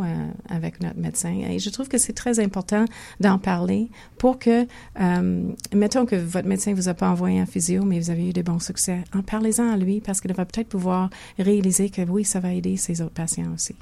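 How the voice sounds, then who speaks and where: An older woman with a Québécois accent talks through her work as a guest, in a mellow, warm tone. She sits a little low in her range and often pauses to restart a thought. It sounds like an unhurried, considered conversation. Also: creaky. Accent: Québécois French. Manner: thoughtful, many restarts and hesitations. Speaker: physiotherapist guest. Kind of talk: conversational interview.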